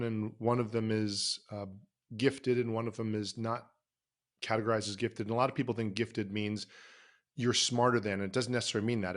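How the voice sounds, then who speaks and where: A middle-aged man from South Florida, an entrepreneur answering interview questions in an upbeat, reflective way. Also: fairly low pitch. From South Florida, USA. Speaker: podcast guest, entrepreneur.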